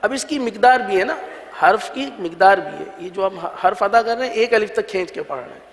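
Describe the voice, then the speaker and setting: A man teaching a religious recitation lesson, patiently sounding out each letter slowly and repeating it for learners to copy. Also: high-pitched, big-room sound.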